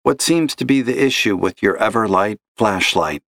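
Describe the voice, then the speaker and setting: This audio story reading features a man voicing a cheerful young customer service agent, courteous and patient toward a troublesome caller, his mood chipper but strained. His voice is fairly low and a bit bright, expressive at a normal speed, captured in clean studio quality without room sound.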